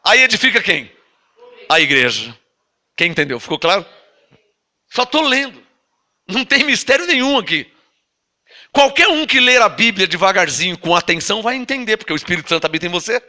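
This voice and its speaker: Preaching to his congregation, this Brazilian Portuguese-accented apostle draws out scripture readings slowly, then explains them with emphasis and needles listeners with rhetorical questions. His voice sits high, with big pitch swings and a bright, forceful tone.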